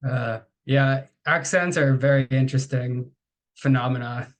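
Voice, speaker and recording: A man's voice: mid-range voice, steady tone, moderate pace. A man from the northeastern US co-hosting a podcast in an unplanned, casual chat, joking and laughing often. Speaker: podcast co-host. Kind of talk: casual conversation.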